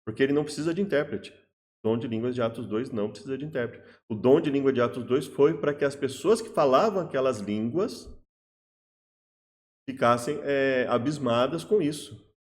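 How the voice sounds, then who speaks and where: A man's voice: mid-range voice, moderate pace. Man teaching Bible study, full of restarts. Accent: Brazilian Portuguese. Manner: hesitant, many restarts and "né?" tags; explains patiently with worked examples.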